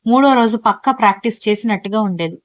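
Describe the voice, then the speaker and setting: A man's voice: high voice, fast talker, no room sound, close to an everyday voice. A woman voicing a playful young husband. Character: playful young husband, strict sports coach.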